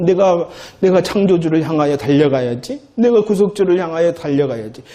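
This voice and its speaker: High-voiced man preaching a sermon. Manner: conversational preaching, swings from soft asides to loud emphatic repetition. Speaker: pastor.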